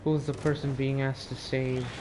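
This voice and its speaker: A teenage boy mutters casual, sweary commentary as he plays a video game, his voice mid-range with a flat delivery at normal speed. The recording is a noisy one made at home while gaming.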